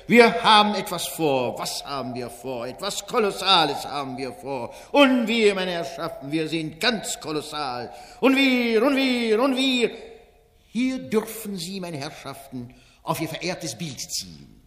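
Casting: stage-comedy town crier and barker, high swooping voice, boastful and coaxing. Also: male voice, big pitch swings, a little slow, fairly bright tone, full character voice. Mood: boastful, rousing. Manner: town-crier hawking with insistent repeated calls. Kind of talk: dramatic reading of a stage comedy. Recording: long reverberant hall.

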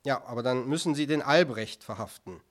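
A man's voice: mid-range voice, animated, a little fast, natural voice. A man reading an audiobook, voicing a combative, mocking young male artist. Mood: sly. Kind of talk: audiobook character voice.

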